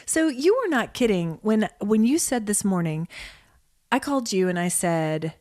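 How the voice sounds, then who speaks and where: Expressive woman, lively podcast chat. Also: mid-range voice, normal speed, no echo, clean studio sound. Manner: chatty, laughs often, expressive. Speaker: podcast co-host. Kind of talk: casual chat.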